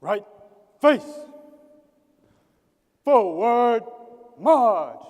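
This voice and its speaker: Male drill commander; barked parade commands, extremely slow and stretched, with wide swoops in pitch. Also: sing-song, a little mellow. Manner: barking, stretched-out syllables. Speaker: color guard commander. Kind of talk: drawn-out shouted military parade commands. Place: large reverberant hall at a ceremony. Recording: echoing large hall, distant.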